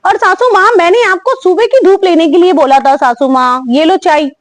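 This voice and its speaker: A woman voicing a lazy, cheeky young daughter-in-law who talks back quickly and chattily in a comic family sketch. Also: very high voice. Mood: chatty. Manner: quick, chatty, giggly backtalk.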